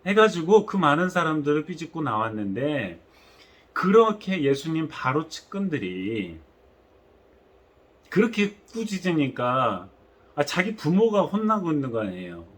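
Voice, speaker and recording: A male pastor preaching a sermon, telling the story in an animated way with acted-out quotes. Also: fairly high pitch, unhurried.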